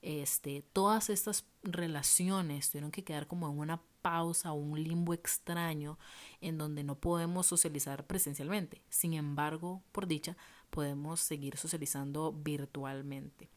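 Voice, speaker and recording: A woman's voice: low voice, steady tone, measured pace. A young woman with a Costa Rican accent, hosting a casual solo podcast from home and talking in a chatty way with many fillers. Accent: Costa Rican Spanish. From Costa Rica. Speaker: podcast host.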